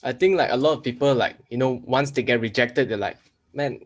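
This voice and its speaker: A man's voice: medium pitch, fast. Young man hosting casually. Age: young adult. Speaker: podcast host. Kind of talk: casual chat. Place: plain room indoors, on a video call. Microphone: desk mic with headphones.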